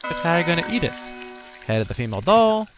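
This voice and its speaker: A man's voice: a little high, very animated, quick pace, over music. A man doing casual video game commentary, talking to himself in repeated short phrases and reading game text aloud.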